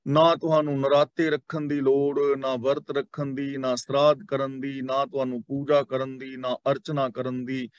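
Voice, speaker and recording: A man with a Punjabi accent preaching a scripture sermon, who chants each verse slowly and then explains it line by line, mixing in English words. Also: mid-range voice, flat delivery, no echo. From Punjab, India. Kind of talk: gurbani katha sermon.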